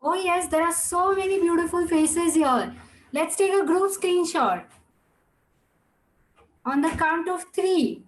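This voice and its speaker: A woman's voice: very high voice, animated, slow pace, long pauses, rough recording. A woman teaching an online Mandarin class, encouraging the students and explaining pronunciation. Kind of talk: online class quiz and wrap-up.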